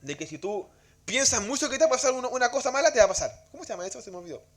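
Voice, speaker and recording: A man's voice: very high-pitched, big pitch swings, rapid-fire. A man teaching a church Bible class in a conversational way, asking rhetorical questions and often repeating words as he goes.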